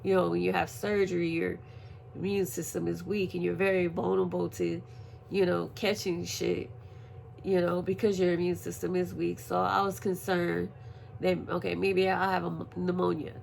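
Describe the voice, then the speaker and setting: A woman recovering from surgery, telling a story in a profane, animated casual vlog. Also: fairly low pitch, moderate pace, gravelly, a little hiss or hum. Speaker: vlogger. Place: at home, indoors.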